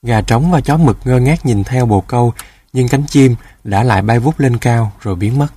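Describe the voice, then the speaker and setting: A man narrating a children's storybook in a calm, even manner. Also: mid-range voice, normal speed, slightly rough.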